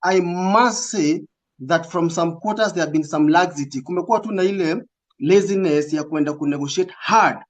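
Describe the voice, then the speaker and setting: Speaking at a moderate pace in a fairly high voice, this Kenyan-accented interview guest from a recruitment agency gives casual, code-switching answers. He's earnest and emphatic, leaning on repeated phrases for emphasis.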